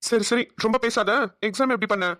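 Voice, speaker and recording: A woman's voice: on the high side, a little fast, a bit bright, no room sound, clean studio sound, natural voice. A woman voicing a protective young husband in a cartoon, teasing his wife with affectionate ribbing. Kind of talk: cartoon voice acting.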